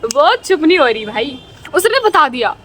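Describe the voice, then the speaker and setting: A woman's voice: sits high, big pitch swings, moderate pace, fairly bright tone. A teenage girl telling a story in a casual vlog, talkative and dramatic, filling her speech with little check-ins to her viewers. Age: teens. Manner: chatty, dramatic, frequent "theek hai" fillers. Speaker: vlogger.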